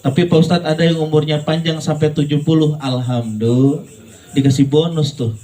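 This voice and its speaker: A man preaching a lively, joking sermon, talking straight to the congregation and swinging between playful high voices and low earnest tones. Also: brisk, faint music behind, poor audio. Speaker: Islamic preacher.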